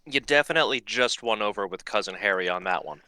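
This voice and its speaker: A man's voice: lowish voice, animated, quick pace, pushed and bright, smooth, dry recording. A man in a laid-back, teasing group chat with friends on a voice call.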